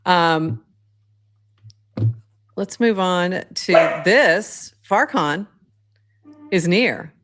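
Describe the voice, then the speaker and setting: A woman's voice: fairly low pitch, fairly bright tone, slight background noise. A woman co-hosting a casual podcast chat, chatty with frequent fillers and laughs. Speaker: co-host.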